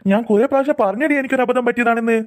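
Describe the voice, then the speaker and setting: A woman's voice: a little high, very fast, close to an everyday voice. A woman voicing a flustered father who apologizes and pleads with his daughters and wife in a cartoon. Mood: pleading. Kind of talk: cartoon voice acting.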